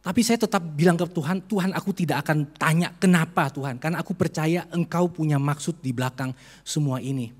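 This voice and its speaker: A man's voice: on the high side, fairly quick, long reverb tail. A male pastor preaching a heartfelt sermon in a church, telling a personal story to his congregation. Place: church sanctuary during a service.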